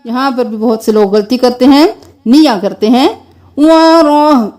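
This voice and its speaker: High-voiced woman teaching Quran recitation. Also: dark tone. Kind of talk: tajweed lesson with slow chanted recitation.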